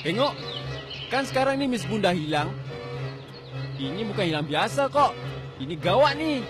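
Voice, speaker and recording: A man's voice: sits high, very animated, moderate pace. A man playing a bossy, fretful older village uncle in a voice drama, speaking with a tinge and scolding often. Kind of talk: amateur voice drama. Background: music.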